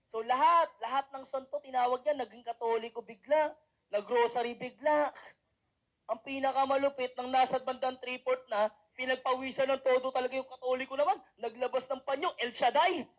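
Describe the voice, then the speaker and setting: A young man, a mentor and motivational speaker, gives an animated talk to a live audience from a stage. He acts out quotes as he tells stories and keeps asking the crowd "di ba?". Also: very high voice, brisk. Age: young adult. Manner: animated storytelling, acting out quotes; peppers lines with rhetorical "di ba?".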